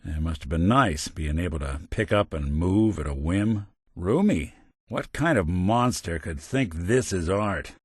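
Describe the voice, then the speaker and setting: A video game voice actor performs Nick Valentine, the middle-aged, world-weary wisecracking synth robot detective, in scripted noir companion dialogue. The deep male voice is heavily acted, slightly rough, with lively intonation and a measured pace, recorded dry. His delivery is wry, dry, and sardonic, full of old-time tough-guy phrasing.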